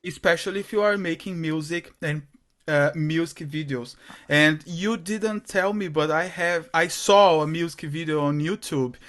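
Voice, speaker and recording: A man's voice: on the high side, moderate pace, fairly bright tone. A man from Brazil, hosting a casual interview over a video call, eager and chatty, sometimes cutting in. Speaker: interviewer host.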